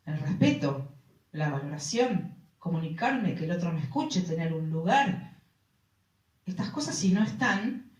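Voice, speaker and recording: A woman's voice: medium pitch, a little mellow. A woman with a Rioplatense Spanish accent gives a talk on relationships to a live audience, often checking in with rhetorical questions to the listeners. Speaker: speaker on relationships. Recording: roomy sound from a distant mic.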